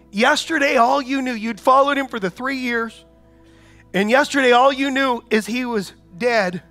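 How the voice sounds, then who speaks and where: A man with a very high speaking voice delivers a sermon as pastor. He talks in a conversational way, keeps asking rhetorical questions, and rises to loud proclamations. Soft music plays underneath.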